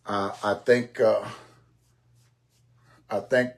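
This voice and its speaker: Rambling man in his sixties, lowish voice. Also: flat delivery, drawn-out words, vocal fry. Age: 60s. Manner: rambling, repeats himself, swears casually. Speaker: podcast host. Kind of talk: casual monologue.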